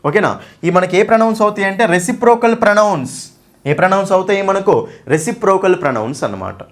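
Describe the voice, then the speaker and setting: A man's voice: sits high, animated, fast. A man teaching an English grammar class for exam preparation, asking questions and answering them himself. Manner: asks questions and answers them himself, frequent "okay?" and "right?"; addresses students fondly as "nanna". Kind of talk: exam-prep grammar lesson.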